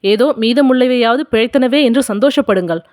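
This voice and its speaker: A woman voicing a gentle male monk disguised as a king, speaking in a calm, measured way in an audiobook. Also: fairly high pitch, no room sound, clean studio sound, close to an everyday voice.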